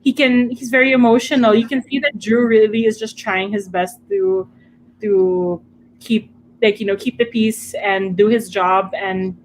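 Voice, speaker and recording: A woman chatting casually about books as a club member, in a halting, thinking-aloud manner. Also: mid-range voice, fairly even intonation, a little hiss or hum, low-quality recording. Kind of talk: casual book chat.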